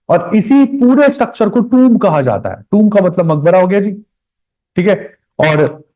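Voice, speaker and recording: Man lecturing on history, lo-fi. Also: high voice. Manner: conversational, addresses students directly, repeats key points. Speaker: history teacher. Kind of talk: classroom lecture. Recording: dull lo-fi recording.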